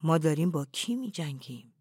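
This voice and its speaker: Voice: medium pitch, animated, darkish tone, husky, no room sound, clean studio sound. A reader voicing a weary, wry doctor who mutters and answers curtly. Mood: brooding.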